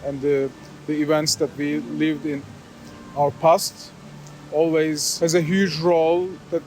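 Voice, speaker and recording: High-pitched man with a Turkish accent. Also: darkish tone. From Istanbul, Turkey. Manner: halting, explanatory, searching for words. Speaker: artist, sculptor being interviewed. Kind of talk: unscripted interview answers.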